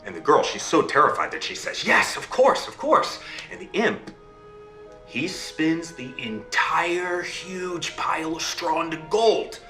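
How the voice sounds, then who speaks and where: A man's voice: on the high side, measured pace, bright, forceful tone, reverberant, faint music behind. A man telling a fairy tale to his child over a video call, voicing the characters and checking in with okay and right. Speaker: father telling a bedtime story.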